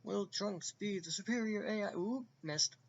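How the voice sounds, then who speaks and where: A man giving casual, excitable and rambling commentary on a computer game fight, on a dull lo-fi recording with faint hiss. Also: high-pitched, moderate pace. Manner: excitable and rambling, with many restarts.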